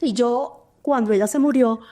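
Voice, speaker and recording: A woman's voice: on the high side, normal speed, dark tone. A woman co-hosting an interview, speaking hesitantly with many fillers as she shares a personal story. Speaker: podcast co-host. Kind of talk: casual interview conversation.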